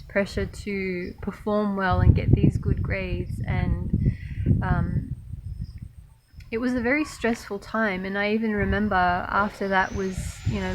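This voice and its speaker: A woman raised in Australia, talking thoughtfully to camera about her spiritual path, pausing often with fillers. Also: medium pitch, noisy background. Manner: slow, thoughtful, many pauses and fillers. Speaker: spiritual monastic vlogger. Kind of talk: reflective personal talk to camera.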